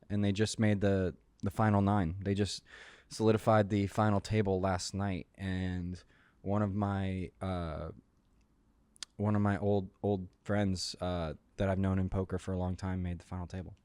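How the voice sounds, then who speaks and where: A tired man with a low voice hosts a casual podcast, explaining things patiently and pausing often with "uh." He speaks close to the mic in a dry, dead-sounding room. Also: level tone, dark tone, smooth, no room sound. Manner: laid-back, explanatory, many "uh" pauses. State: tired, short on sleep. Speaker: podcast host, professional poker player.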